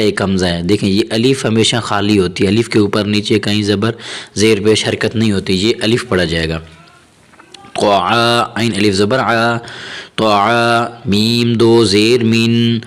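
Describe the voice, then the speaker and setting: A man teaching Quran reading step by step, slowly drawing out syllables and sounds, then explaining quickly, often repeating and checking that learners follow. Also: lowish voice. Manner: patient, repeats and checks understanding. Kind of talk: step-by-step recitation lesson.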